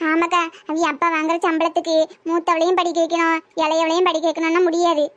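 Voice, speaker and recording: A woman's voice: very high voice, monotone, quick pace, fairly bright tone, dull audio. A woman voicing a determined village mother who explains herself insistently, with a Tirunelveli Tamil accent, in a cartoon. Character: determined village mother marrying off her daughter.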